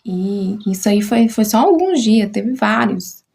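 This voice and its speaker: A woman's voice: medium pitch, expressive, unhurried, creaky, darkish tone, breathy edge. A woman who makes crochet, chatting casually and heartfelt with her followers on a live stream, sometimes dropping to a whisper. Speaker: crochet artisan.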